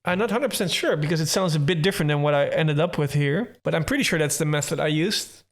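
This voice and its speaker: A man with a somewhat high voice talks through his music production in a casual tutorial. He thinks aloud as he goes, hedging and restarting his sentences in a relaxed way. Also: quick pace. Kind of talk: casual tutorial talk from a livestream.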